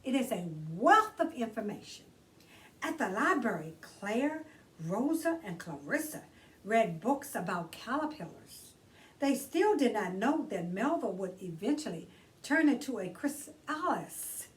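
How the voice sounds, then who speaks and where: In poor-quality audio recorded far from the mic, a woman with a slightly high, very animated voice reads a storybook a little slowly. She's hosting a children's storytime and talks theatrically straight to the kids.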